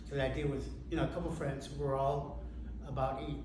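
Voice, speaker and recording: A man from India telling a personal story on stage, halting and self-mocking, with many fillers. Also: mid-range voice, flat delivery. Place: theater stage. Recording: echoey hall recorded from far off, with noise.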